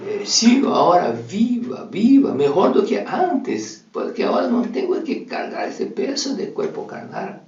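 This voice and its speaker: A man voicing a young woman who has died, gently pleading with her grieving mother and repeating herself insistently. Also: sits high, wildly swooping pitch, unhurried, few pauses, pitched above the performer's own voice, heavily acted. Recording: roomy, dull recording from a distance.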